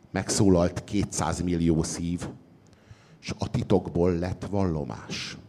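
A man hosting a podcast, reading a poem aloud with an expressive storytelling cadence. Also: sits low. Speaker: podcast host and reader.

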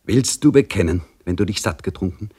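A man's voice: low voice, expressive, brisk, dark tone, husky. A man voicing a stern, sanctimonious male priest who presses a prisoner in an urgent, preaching manner. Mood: insistent.

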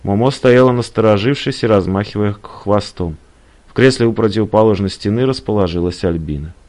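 Мужчина читает рассказ вслух. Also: male voice, lowish voice, fairly quick. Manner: expressive, heightened reading of the dialogue. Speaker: narrator. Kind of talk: audiobook reading with character voices.

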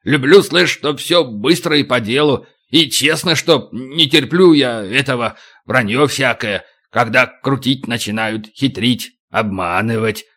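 A man's voice: mid-range voice, a little slow, a bit bright. A man doing a coarse bandit chief. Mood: gruff. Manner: rough slangy drawl. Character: coarse blunt male bandit chief, streetwise.

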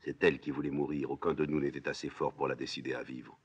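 A man reading a play aloud, voicing a weary, stern king who speaks gravely and with resignation. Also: very deep voice, level tone, quick pace, lo-fi sound.

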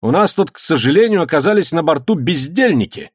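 Brief: man playing a stern, loud ship's mate dressing down a cook, raised pitch, audiobook. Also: expressive, fairly quick, husky, dry recording, studio quality. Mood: scolding. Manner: stern, scolding. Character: sharp-tongued male ship's mate, scolding.

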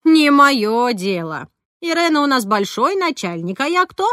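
A woman voicing a blunt, grumbling older cleaning woman in an audiobook, with a slow, drawn-out delivery. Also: high-pitched, sing-song, fairly bright tone, no room sound, studio quality, heavily acted. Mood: dismissive. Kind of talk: audiobook character reading.

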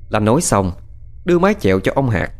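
A man narrating a ghost story in an expressive, scripted storytelling cadence. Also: lowish voice, fast talker.

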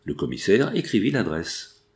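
A man narrating a classic novel aloud in a steady literary reading. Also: deep voice, moderate pace, gravelly. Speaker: audiobook narrator.

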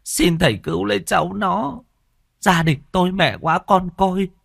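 A man voicing an old village mother who pleads in a high, strained, wailing voice. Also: normal speed, gravelly, fairly bright tone, dry recording, clean studio sound, exaggerated voice. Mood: pleading, sobbing.

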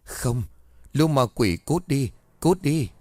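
A man's voice: flat delivery, unhurried, dark tone, breathy edge, dry recording. A man voicing a terrified, haunted young wife who screams and pleads in panic, in a horror storybook narration. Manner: shrill frantic screaming.

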